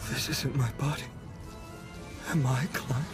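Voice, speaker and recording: An actor playing a scared, pained young man waking confused, with overacted, halting anime-dub delivery. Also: medium pitch, fairly even intonation, music in the background, natural voice. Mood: bewildered, frightened.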